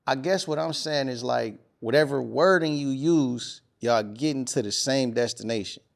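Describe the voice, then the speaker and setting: A man's voice: mid-range voice, moderate pace, vocal fry. Casual man rambling in a podcast chat. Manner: rambling, restarts often, emphatic when making a point. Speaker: podcast host. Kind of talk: casual studio conversation. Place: podcast studio.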